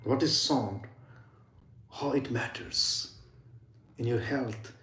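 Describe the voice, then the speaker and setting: A man's voice: medium pitch, slow pace, a bit bright, echoey room. A man giving an earnest spiritual talk on sound healing, often dropping to near whispers for emphasis. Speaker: yoga and sound healing teacher. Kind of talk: informal spiritual teaching talk.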